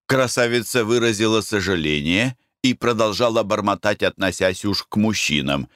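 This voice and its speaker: A man narrates a storybook with a low, lively voice that rises and falls a lot. His delivery is expressive and steady. The recording is close and dry. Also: moderate pace, no room sound. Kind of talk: audiobook narration.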